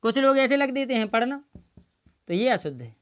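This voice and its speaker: A woman's voice: fairly high pitch, big pitch swings, fast talker. A woman teaching Hindi pronunciation in a classroom style. She asks her own questions, answers them, and spells out the letter sounds one by one. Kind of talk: slow classroom-style lesson.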